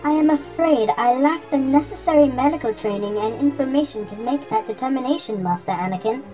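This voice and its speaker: A man's voice: extremely high pitch, brisk, warm tone, faint music behind, pitched above the performer's own voice, poor audio. A man narrating a story who voices an anxious, fussy male butler robot with a prim, worried, formal way of talking. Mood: fretful. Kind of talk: audiobook character voice.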